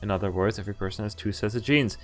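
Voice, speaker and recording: A man streams a visual novel, reading it aloud and tossing in casual, amused asides. His voice is fairly low in pitch and his delivery is rapid-fire. Game music plays behind him.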